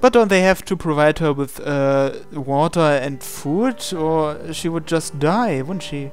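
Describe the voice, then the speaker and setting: Here a man with a fairly high voice reads at a measured pace, narrating a visual novel dramatically and breaking in with asides. He stumbles occasionally, repeating bits of lines, while game music runs underneath.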